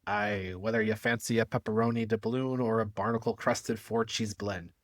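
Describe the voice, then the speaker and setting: A man's voice: fairly low pitch, fairly even intonation, normal speed, no echo, studio quality, close to an everyday voice. A man doing a hammy pirate voice for a mock pizza ad, full of pirate slang. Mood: blustery. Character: blustery male pirate pitchman reading an ad.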